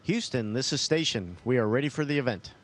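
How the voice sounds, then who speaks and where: Over a noisy space radio downlink, a male astronaut answers questions from inside a space station via a space-to-ground link. He speaks briskly, at medium pitch, with lively intonation.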